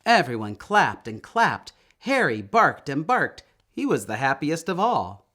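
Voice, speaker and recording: The voice is a man's, fairly high in pitch, giving a children's story an expressive, deliberate read in classic storybook fashion.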